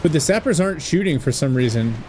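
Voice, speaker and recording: A man's voice: a little high, lively intonation, quick pace, darkish tone, a little hiss or hum. Laughing male strategy-game caster. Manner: laughs often, drops into a mock German voice. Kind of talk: casual game commentary.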